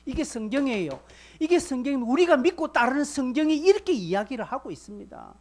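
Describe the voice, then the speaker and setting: Man pastor preaching a sermon, says the same short command over and over, goes from loud urging to quiet chatty bits. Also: very high-pitched, very animated, fast talker. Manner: swings between loud exhortation and quiet, colloquial asides; repeats short commands for emphasis.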